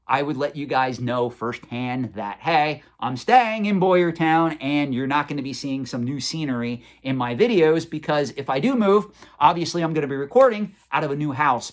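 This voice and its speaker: A man's voice: a little high, fairly bright tone. A man in his forties hosting a collectibles channel, answering viewer questions in a conversational, opinionated and sometimes sarcastic way.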